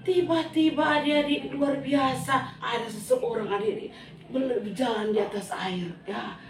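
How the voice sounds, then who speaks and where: Sunday school teacher, woman, Manado Malay accent, high voice, roomy echo, animated Bible storytelling. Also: normal speed. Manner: animated, asks the children questions. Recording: echoey room.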